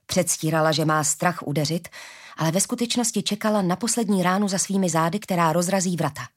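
Female narrator, steady audiobook read. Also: lowish voice. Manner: steady storytelling.

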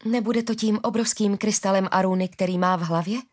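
Woman reader as a calm young heroine. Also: mid-range voice, natural voice.

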